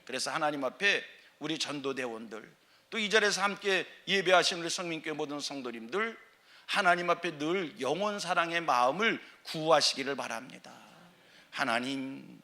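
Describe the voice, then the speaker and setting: A man who is the senior pastor, preaching a sermon in a church with emphatic swings between loud calls and soft, slow phrases. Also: a little high. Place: church sanctuary.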